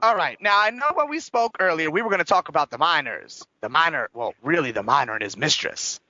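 High, animated man hosting chatty radio. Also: a little fast, dry recording, highs cut off. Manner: chatty, emphatic, gossipy, folksy slang. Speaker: talk show host. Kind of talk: casual radio entertainment chat.

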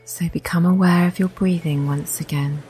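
A woman guiding a meditation in a soft voice, often slipping into a whisper. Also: on the low side, fairly even intonation, moderate pace, faint music behind. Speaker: meditation guide. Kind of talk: guided meditation.

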